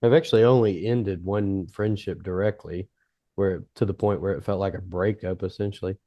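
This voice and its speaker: An easygoing man telling stories in a casual podcast chat, with plenty of fillers and laughter. His voice sits low for a man. The recording is dull and muffled, yet dry. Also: steady tone, moderate pace, no echo. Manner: easygoing storyteller, laughs often, many fillers.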